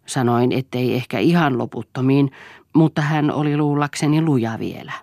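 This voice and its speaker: A woman reading the part of a male doctor in an audiobook, speaking in a measured, gently ironic way. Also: very deep voice, expressive, gravelly, dry recording, studio quality, heavily acted. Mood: earnest. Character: man, a doctor, gently wry and earnest. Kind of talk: audiobook character voice.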